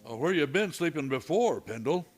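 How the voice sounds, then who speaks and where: A man's voice: fairly high pitch, very animated, brisk, soft background music. A man playing a firm, fair frontier marshal in a Western radio play, plain-spoken and commanding, with an American accent. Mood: curious, easygoing.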